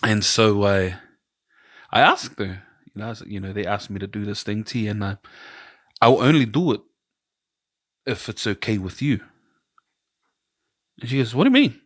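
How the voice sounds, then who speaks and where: A man's voice: lowish voice, measured pace, long pauses, dry recording, clean studio sound. A middle-aged man with a New Zealand accent, hosting a casual podcast chat and telling long stories, acting out the voices of people he quotes. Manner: rambling storyteller, acts out quoted voices. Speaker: podcast host.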